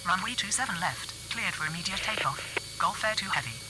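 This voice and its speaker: A woman voicing a female airline pilot who reads back tower clearances in steady radio procedure. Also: medium pitch, a little fast, background noise, natural voice. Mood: procedural. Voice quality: even radio-procedure delivery.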